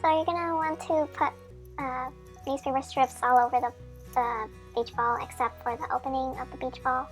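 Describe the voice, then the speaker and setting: A woman's voice, sped up into a chipmunk pitch, sits high with a level tone and moderate pace. She is a craft tutorial maker giving a chatty, friendly how-to voice-over with small slips, while soft music plays in the background.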